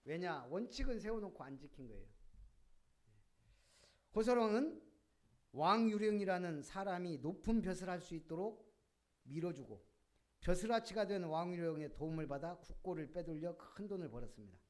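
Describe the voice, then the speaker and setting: A male pastor delivers a sermon in church. His voice sits a little high and swings widely in pitch. He pushes his points with rhetorical questions and sudden emphatic bursts. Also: animated, normal speed, pauses often.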